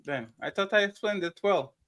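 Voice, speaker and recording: A man's voice: high voice, animated, normal speed, crowd noise. A man with a Russian accent, speaking as a panelist in a debate.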